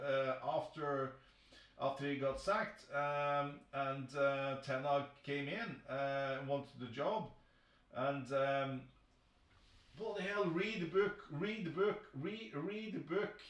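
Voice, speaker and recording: A man hosting a football chat stream. He talks excitably, swears often, and restarts his sentences a lot. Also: a little high, echoey room, far from the mic, rough recording. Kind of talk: live football commentary chat.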